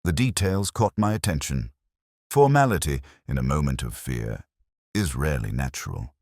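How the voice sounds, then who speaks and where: An actor playing a brooding, intellectual middle-aged police inspector, narrating an audio drama in a measured, reflective, wry way. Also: male voice, extremely low pitch, animated, darkish tone, no room sound, clean studio sound, heavily acted. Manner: measured, reflective, literary phrasing. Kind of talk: scripted first-person detective narration, audio drama.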